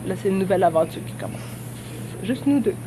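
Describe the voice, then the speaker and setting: Expressive and quick, a young woman with a medium-pitched voice talks for her travel vlog. She has a Québécois French accent and a stuffy cold, and her casual chatter is full of laughter. Traffic sounds surround the outdoor handheld recording.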